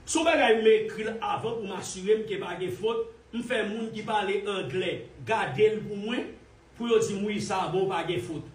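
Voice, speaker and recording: A man's voice: high-pitched, moderate pace. A man from Haiti giving heated online commentary, mocking and scornful, repeating his jabs. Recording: roomy echo, distant from mic.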